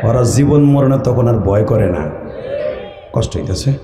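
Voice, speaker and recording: A man preaching a humorous sermon at a large religious gathering, joking in colloquial speech and breaking into loud shouted chants. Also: medium pitch, expressive, moderate pace. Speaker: Islamic preacher. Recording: echoey loudspeaker sound with long reverb and a crowd. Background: crowd of listeners.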